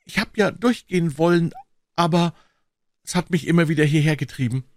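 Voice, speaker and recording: A man voicing a broken, weeping middle-aged drifter who is accused of murder and pleads in a high, strained voice. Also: a little fast, dry recording, lightly acted. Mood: despairing.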